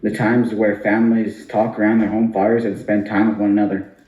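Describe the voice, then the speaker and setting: A man's voice: on the low side, flat delivery, fairly quick, mellow. A man narrating a comic story for an amateur puppet show. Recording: muffled, echoey room.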